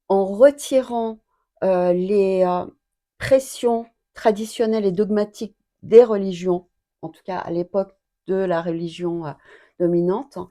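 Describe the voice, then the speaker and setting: A woman in her fifties from Iran, answering interview questions in a hesitant way, with frequent filler pauses. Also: mid-range voice, mellow. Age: 50s. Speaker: guest, activist.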